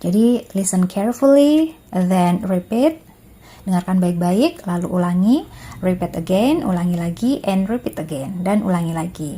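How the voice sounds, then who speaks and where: Woman, Indonesian accent, lecturer, recorded lesson, warm tone, frequent filler pauses. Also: on the low side, lively intonation, slightly rough. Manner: mixes teaching English terms with explanations, many filler pauses.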